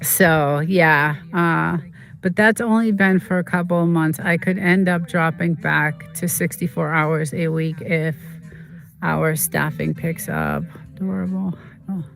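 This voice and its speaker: A vlogger in casual, rambling chat, repeating words and filling pauses, and turning emotional when recalling a pet's injury. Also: mid-range voice, steady tone, vocal fry, fairly bright tone, soft background music. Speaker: vlogger telling a personal story.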